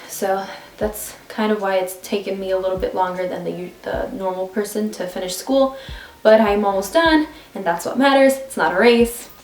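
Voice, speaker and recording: Indoors at home, a twenty-something vlogger from New York chats and wanders off on tangents for a get-to-know-me video shot on her phone camera. Her voice is mid-range and slightly mellow, in a roomy space with soft background music.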